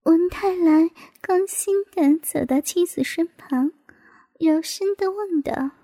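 A woman reading a martial arts novel aloud in a hushed, half-whispered narration. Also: extremely high pitch, takes it slowly, no room sound. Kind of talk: storybook narration.

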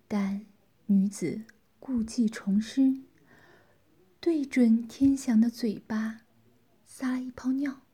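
A woman narrating a story in a soft, hushed whisper. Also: a little high, fairly even intonation, slow, long pauses, slightly rough.

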